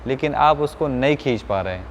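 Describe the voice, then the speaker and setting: A man teaching Quran reading, repeating each syllable in a slow sing-song chant and briefly explaining the rules in between. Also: medium pitch, lively intonation, a little hiss or hum. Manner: explains rules in quick bursts between drills. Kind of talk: live Quran recitation lesson, drilling syllables.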